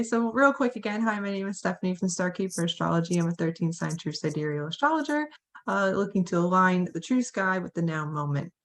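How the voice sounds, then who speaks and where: A woman hosting a live video stream as an astrologer, talking in a quick, friendly way. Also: medium pitch. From United States. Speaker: astrologer host. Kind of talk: casual livestream hosting.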